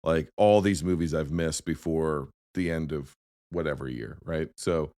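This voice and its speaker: A low-voiced man talks casually about films on a podcast. He rambles and restarts his sentences, jumping between stories and opinions. The sound is close and dry, with no room in it. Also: a little slow, no room sound. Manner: rambling, self-interrupting, animated storytelling. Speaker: podcast host. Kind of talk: casual movie chat.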